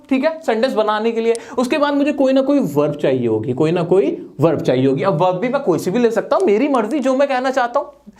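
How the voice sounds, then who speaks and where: High-voiced male teacher, self-questioning. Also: darkish tone. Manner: asks himself questions and answers them; stretches out English example sentences slowly. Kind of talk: classroom grammar lesson.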